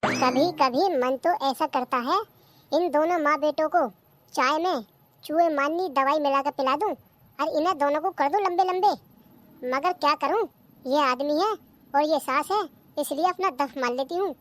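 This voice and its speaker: A performer voicing a lazy, cheeky young daughter-in-law in a cartoon comedy, who answers back. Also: female voice, high-pitched, measured pace, fairly bright tone. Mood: sulky.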